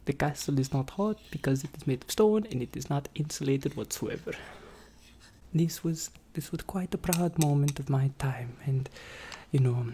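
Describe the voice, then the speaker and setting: A woman voicing an eccentric, boastful, excitable vampire in a theatrical, rambling ASMR ASMR role-play, slipping in and out of a breathy soft voice. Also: very deep voice, slight background noise. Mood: boastful, secretive. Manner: theatrical, chatty, rambling, drawn-out exclamations. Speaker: ASMR performer.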